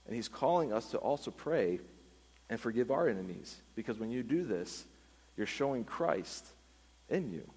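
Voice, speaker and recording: A man's voice: medium pitch, very animated, moderate pace, darkish tone, breathy edge. Earnest man giving testimony in a hall. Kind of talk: personal testimony sermon.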